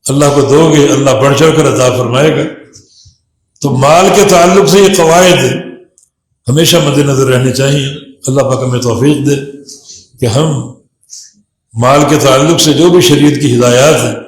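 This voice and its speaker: A man's voice: mid-range voice, long pauses. Man preaching a sermon in an echoey mosque. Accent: Pakistani Urdu. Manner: preaching, tells a parable with rising emphasis. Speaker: imam. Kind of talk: Friday sermon. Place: mosque hall.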